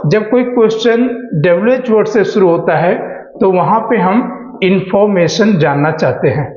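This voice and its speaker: A man teaching a spoken English class, explaining grammar patiently and reading example sentences slowly. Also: high-pitched, a little mellow. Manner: explains slowly, reads English examples aloud at a very slow pace. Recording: echoey dull room recording.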